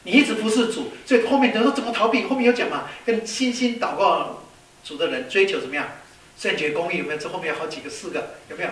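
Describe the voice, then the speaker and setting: High-voiced preacher in an echoey hall. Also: male voice, fast talker. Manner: lively, many rhetorical questions, storytelling; mixes in English words. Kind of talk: sermon. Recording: echoey hall, distant mic, faint hiss.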